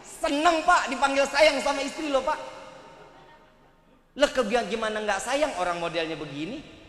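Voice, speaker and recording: A man with a Betawi accent delivers a humorous sermon to a gathering, teasing and joking with the audience. He has a very high, fairly bright voice and a moderate pace, recorded in an echoey hall with faint background noise.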